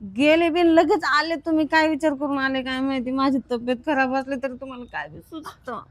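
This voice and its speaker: A woman's voice: high-pitched, fairly even intonation, brisk, no room sound, natural voice. A woman playing an unwell, groggy village wife in a comedy skit, whining and complaining with a rural Marathi accent. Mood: aggrieved.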